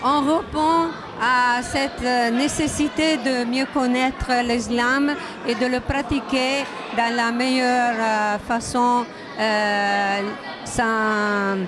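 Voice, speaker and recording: A woman's voice: on the high side, fairly even intonation, slow pace. A woman speaking imperfect French with a foreign accent, hesitantly searching for words as she answers in an interview. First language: not French. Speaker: interviewee, religious association secretary. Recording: loud music behind the voice. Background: loud music.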